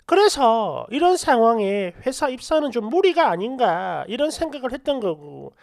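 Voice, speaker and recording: A woman narrating a first-person story in an animated, aggrieved manner, speaking straight to the listener. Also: on the high side, normal speed, creaky, no room sound, clean studio sound.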